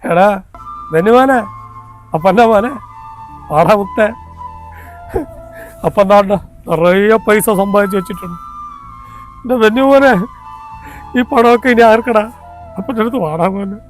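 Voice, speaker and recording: A grief-crazed old moneylender father, acted by a man, rambling and pleading in a high voice. He speaks in a homemade comedy sketch with soft music underneath. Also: measured pace, long pauses. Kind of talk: comedy skit acting.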